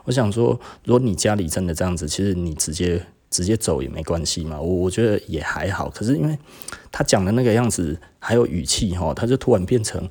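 A man's voice: fairly low pitch, slightly rough. A man with a Taiwanese Mandarin accent, hosting a podcast and telling a story casually, often laughing and acting out the dialogue. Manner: animated, laughs often, acts out quoted dialogue. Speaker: podcast host.

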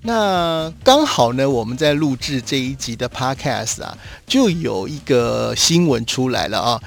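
A man teaching Zhuyin pronunciation on a podcast, patiently demonstrating sounds with drawn-out particles. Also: medium pitch, big pitch swings, creaky, soft background music.

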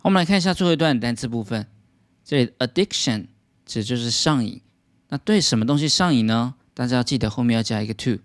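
A man's voice: medium pitch, lively intonation, fast, no echo, clean studio sound. A man teaching English vocabulary as a patient lesson, explaining words step by step.

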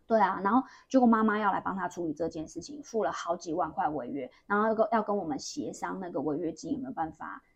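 Husky young woman telling a story. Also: lowish voice, fast talker, few pauses. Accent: Taiwanese Mandarin. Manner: rambling storyteller with many restarts. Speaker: podcast co-host. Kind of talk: casual chat, storytelling.

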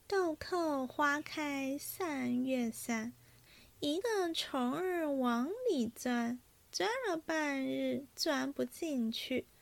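A woman voicing a young female singing girl at a banquet, soft, slow and sing-song. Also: high-pitched, gravelly, exaggerated voice.

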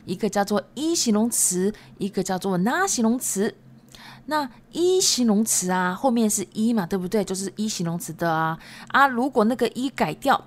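A woman teaching Japanese vocabulary on a podcast, patiently repeating each word slowly and filling pauses with little prompts. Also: medium pitch. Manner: patient, repeats words slowly, many fillers.

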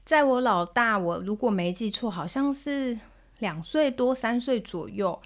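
A woman in her thirties with a Taiwanese Mandarin accent, hosting a parenting podcast and telling a story about her child in a gentle manner. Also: fairly high pitch, animated, measured pace. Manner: gentle, soothing when quoting herself to her child. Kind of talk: storytelling monologue.

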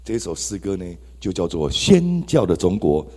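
Husky, animated Taiwanese man testifying. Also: low-pitched, normal speed. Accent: Taiwanese Mandarin. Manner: animated, exclamatory, addresses the congregation. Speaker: church member giving testimony. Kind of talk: testimony sermon. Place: church hall. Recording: reverberant church hall.

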